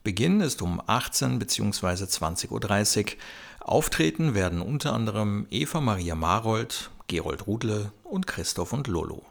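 Man, Austrian accent, narrator and announcer, low voice, gravelly, scripted reading. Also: very animated, moderate pace. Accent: Austrian German.

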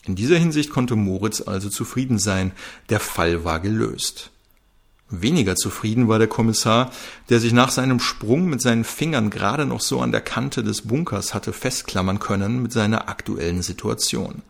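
A man's voice: fairly low pitch, normal speed, vocal fry. A man reading a crime story aloud, narrating with drama.

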